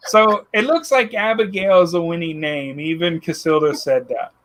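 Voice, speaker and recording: A man hosting a casual radio talk show with a notably high voice. He is upbeat and laughs along, and he plugs the guest's links. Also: moderate pace, a bit bright.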